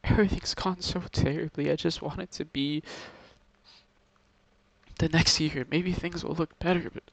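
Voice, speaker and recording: An upset young man records a confessional vlog, near tears and sighing as he speaks. His voice sits a little high and has a gravelly fry. He talks haltingly, stopping and restarting often. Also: fairly even intonation, a bit bright, no room sound. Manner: halting, with many pauses and restarts. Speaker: video creator talking to subscribers.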